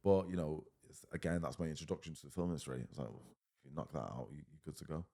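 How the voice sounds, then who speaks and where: Deep-voiced, blunt man swearing freely. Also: fast talker, warm tone. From United Kingdom. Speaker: podcast guest. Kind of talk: casual storytelling.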